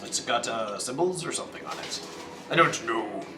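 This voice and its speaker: A man's voice: mid-range voice, lively intonation, moderate pace, music in the background. A man playing a tabletop game, improvising his in-character lines casually and somewhat hesitantly. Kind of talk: casual in-character role-play. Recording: echoey room, distant mic, clear background noise.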